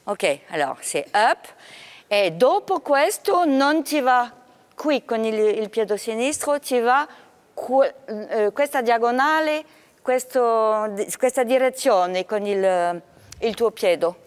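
Lively woman coaching a ballet student. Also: fairly high pitch, slow pace, clear, resonant tone. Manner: mixes languages, counts and sings out rhythms. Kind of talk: coaching a dancer in class.

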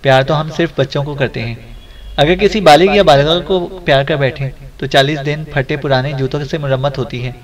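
A man voicing a sly, joking young male secret agent in an audiobook, with teasing, deadpan banter. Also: on the high side, fairly quick, close to an everyday voice.

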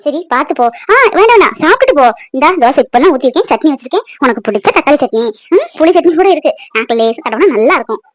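A woman's voice: big pitch swings, fast talker, few pauses, dry recording. A woman voicing an older, doting mother-in-law in a cartoon, fussing over food and care. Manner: doting, fussing, lower than her other voices.

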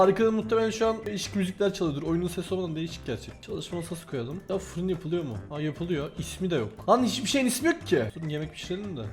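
A young man giving excitable commentary while playing a game, talking to himself and his viewers with sudden startled outbursts. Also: sits high. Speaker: gaming YouTuber. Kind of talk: let's play commentary.

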